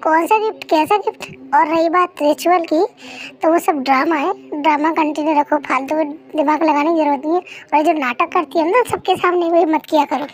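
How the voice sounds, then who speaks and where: A curt, dismissive young CEO husband, voiced by a woman in a homemade fan dub drama. The voice sits very high for the role and speaks in a blunt, clipped manner. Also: steady tone, a little fast, lightly acted, poor audio. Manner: blunt, dismissive, then apologetic.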